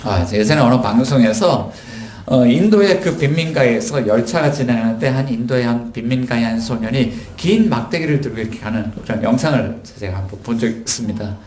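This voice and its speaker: A man preaching a sermon as pastor, telling stories and acting out quoted lines with sudden jumps in pitch. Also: fairly quick, few pauses, a little mellow. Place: church sanctuary. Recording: echoey church hall.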